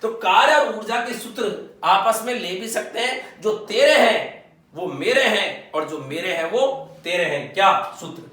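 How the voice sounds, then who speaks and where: A man teaching physics in a high, bright voice, putting each question to the class and then giving the answer himself in a low murmur. The room rings with strong echo, and he sounds set back from the microphone. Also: animated, unhurried, far from the mic. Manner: repeats key questions and answers them himself; drops to a low quiet voice on answers. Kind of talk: whiteboard exam-prep lecture. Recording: echoey room, voice off-mic.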